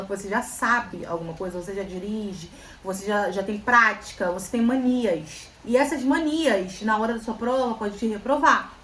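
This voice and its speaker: Brief: young Brazilian woman, chatty storyteller, fairly high voice, mic a bit distant, echoey room. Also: a little hiss or hum. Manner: chatty storytelling, repeats phrases, animated retelling. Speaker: vlogger. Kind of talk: casual chat. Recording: roomy, slightly distant, faint ambience.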